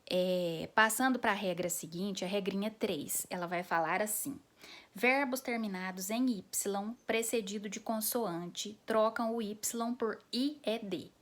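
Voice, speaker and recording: A woman teaching an English grammar lesson in a patient classroom manner, walking through each rule step by step. She slows down to spell out letters and often checks in with her students. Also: mid-range voice.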